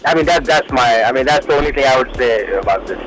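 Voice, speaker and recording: A man's voice: medium pitch, lively intonation, fast, fairly bright tone, faint music behind, poor audio. A man, a guest in casual radio chat, giving opinions emphatically and repeating short phrases. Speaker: talk show guest, businessman.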